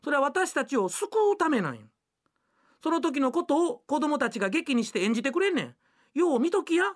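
A bossy, devout housewife, as a woman telling rakugo puts her on, nagging in quick Kansai dialect. Her voice sits fairly high and lively. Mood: impatient. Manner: scolding, nagging. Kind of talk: rakugo storytelling.

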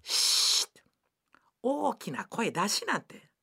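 A woman's voice: high-pitched, very animated, fairly quick, fairly bright tone, exaggerated voice. A woman voicing a bossy, devout housewife with a Kansai accent, scolding her husband in a rakugo telling. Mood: impatient. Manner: scolding, nagging. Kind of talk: rakugo storytelling.

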